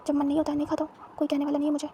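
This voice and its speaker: A woman voicing a lonely, wealthy young husband who speaks softly and teasingly to his partner. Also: high-pitched, monotone, racing, slight background noise. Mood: tender.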